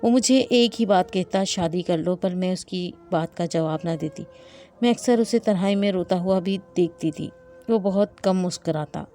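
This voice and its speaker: A woman's voice: on the low side, dark tone, faint music behind. A woman telling a first-person story in an emotional, dramatic reading.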